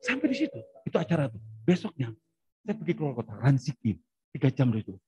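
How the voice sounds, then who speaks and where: Animated male pastor telling a story. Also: mid-range voice, quick pace. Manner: animated storyteller, often laughs. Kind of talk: storytelling sermon. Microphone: video call. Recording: dull lo-fi video-call audio with faint music.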